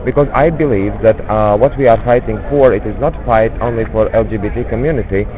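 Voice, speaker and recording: A man from Latvia speaking in a street interview, halting, with many pauses and fillers. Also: fairly low pitch, slight background noise. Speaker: march participant. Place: outdoors at a street march. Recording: muffled, busy crowd behind.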